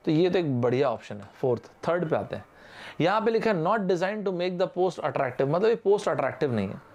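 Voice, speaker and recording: Man, Indian accent, upbeat online tutor with a slightly high voice, mixes Hindi and English on a streamed mic. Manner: lively, mixes Hindi with English terms, quizzes viewers directly. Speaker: exam-prep teacher. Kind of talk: online vocabulary lesson.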